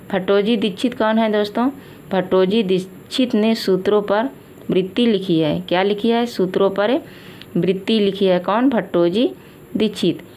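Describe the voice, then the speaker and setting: A woman's voice: medium pitch, a little mellow, a little hiss or hum. A woman with an Indian accent giving an exam-prep lesson, asking questions and answering them herself, repeating each point. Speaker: Sanskrit teacher.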